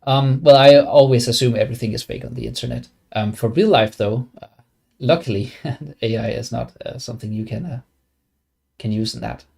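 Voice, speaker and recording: A young Danish man who streams games chats casually on a live stream in a gravelly, mid-range voice, a little mellow, at a moderate pace. He rambles, with lots of fillers and restarts.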